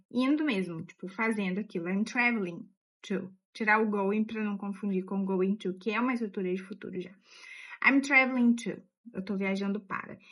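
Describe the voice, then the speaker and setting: A Brazilian woman teaching English pronunciation in a casual, chatty way, explaining step by step and saying example words slowly. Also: medium pitch, a bit bright.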